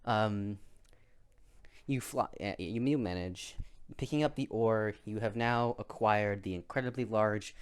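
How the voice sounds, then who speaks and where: Young man, game master, tabletop narration, halting, many fillers. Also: fairly low pitch, smooth.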